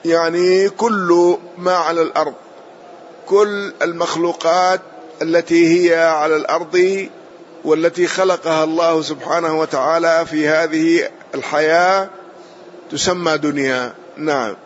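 A man teaching a classical text, explaining each passage in measured steps, repeating and rephrasing as he goes. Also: a little high, steady tone. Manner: measured explanation, repeats and rephrases, closes points with a short affirmation. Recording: muffled lo-fi audio with faint hiss.

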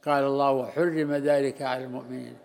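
A man teaching a religious lesson, explaining verses in a measured, even way. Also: medium pitch, creaky, slight background noise. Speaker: Islamic scholar teaching tafsir.

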